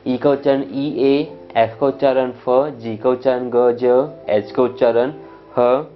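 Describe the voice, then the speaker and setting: A man teaching spoken English in a slow explanatory lesson, going over letters and their sounds one at a time. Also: mid-range voice, flat delivery. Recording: dull lo-fi sound with faint music.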